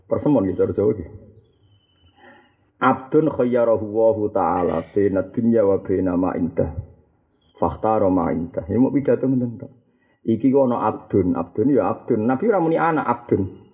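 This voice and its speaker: A middle-aged man with a Javanese accent giving a humorous sermon on a classical religious text, switching between Javanese and Arabic recitation. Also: fairly low pitch. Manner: humorous, mixes Javanese, Indonesian and Arabic, laughs often. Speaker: Islamic preacher teaching a classical text. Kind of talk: sermon, kitab study lecture. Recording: tinny phone-like lecture recording.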